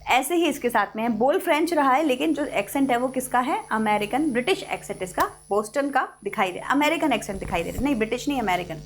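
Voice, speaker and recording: A young woman with an Indian accent gives a live online English class, explaining the text in Hindi mixed with English in a fairly high voice with lively intonation. She reads English lines slowly aloud while soft music plays faintly in the background.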